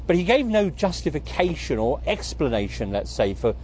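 Calm man, mellow news commentary. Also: a little high, normal speed, slight background noise. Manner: calm, analytical. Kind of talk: news interview clip.

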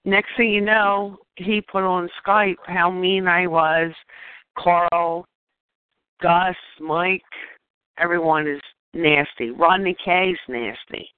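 Man, high smooth voice, slow halting talk, dry tinny phone line. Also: fairly even intonation, no room sound. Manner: halting, restarts, complaining. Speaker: call-in show participant. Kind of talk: casual group call chat.

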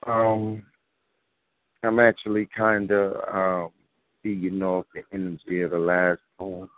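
A guest poet, a man, phones in from a bus with a fairly low voice. He talks in a loose, hesitant, casual way. The sound is narrow and tinny, like a dry phone call. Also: little pitch movement, takes it slowly, no echo. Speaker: guest poet calling in to a show. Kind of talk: spoken word poetry recital in later lines. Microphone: phone line.

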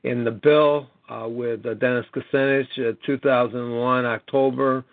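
Speaking by telephone on a conference call, this man in his late sixties, an American, has a medium-pitched voice with flat delivery and a moderate pace, without echo. Earnest and rambling, he often checks in with a forceful "okay?" The line sounds thin and tinny.

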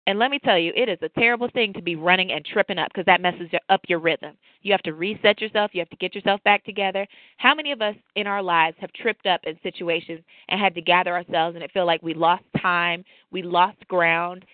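A woman's voice: medium pitch, dry recording. Woman telling a story over a tinny line. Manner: storytelling, animated, preachy asides. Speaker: podcast co-host. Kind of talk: casual faith talk. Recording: tinny phone-like line, dry.

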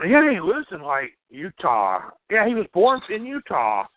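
A man co-hosting a podcast in crude casual banter, rambling in a deadpan way with frequent fillers. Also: high-pitched, a little slow, no room sound. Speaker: podcast co-host. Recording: dry, phone-like narrow sound.

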